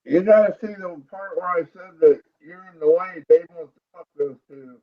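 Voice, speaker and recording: A man's voice: high voice, moderate pace. Muffled, boxy-sounding brash man. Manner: brash, swearing, tough talk. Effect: muffled boxy sound without a proper mic. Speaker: call-in guest on a live stream. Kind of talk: casual profane chat. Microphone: device's built-in mic. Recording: dull muffled lo-fi call audio.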